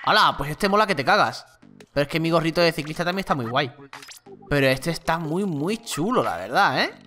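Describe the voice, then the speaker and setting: A gaming channel host with a Spain Spanish accent giving chatty, excitable gameplay commentary. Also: medium pitch, a little fast, soft background music. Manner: excitable, chatty, exclaims and laughs during play.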